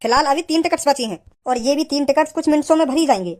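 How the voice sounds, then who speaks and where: A pushy cartoon salesman, voiced by a woman, who talks fast and high. He keeps up a smooth, persuasive sales patter without pausing. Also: darkish tone, natural voice. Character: smooth-talking male lottery salesman, pushy. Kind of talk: cartoon voice acting.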